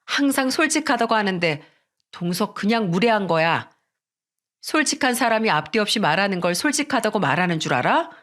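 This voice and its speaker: A woman's voice: mid-range voice, very animated, a little fast, fairly bright tone. A woman reading the part of a firm elder sister-in-law, a teacher and mother, lecturing a younger relative. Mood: indignant.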